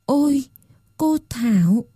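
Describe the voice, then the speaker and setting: A woman's voice: high-pitched, expressive, takes it slowly, mellow, slightly rough, no echo, clean studio sound, pitched above the performer's own voice, exaggerated voice. A woman reading a story aloud and voicing a frail, sick old grandmother who speaks weakly through tears. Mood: frail, tearful. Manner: weak and tearful.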